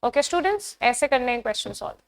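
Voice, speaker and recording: A young woman with an Indian accent and a high, light voice teaches an online exam-prep English class. She explains word pairs in a mix of Hindi and English and reads each test sentence slowly and carefully. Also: sing-song, slight background noise.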